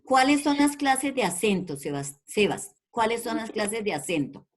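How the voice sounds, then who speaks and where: Over a video call, a woman teaches an online primary school language class in a slightly high, sing-song voice at a moderate pace. She patiently calls pupils by name and affectionately repeats her questions.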